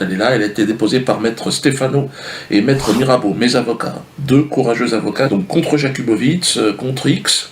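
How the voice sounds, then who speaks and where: A male comedian telling a long comic story to camera in a casual, slangy, rambling way. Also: mid-range voice. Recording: roomy echo, faint noise.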